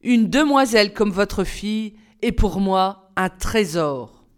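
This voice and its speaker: A woman voicing a young, charming male doctor who talks in a smooth, coaxing way in a storybook reading. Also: mid-range voice, expressive, slow.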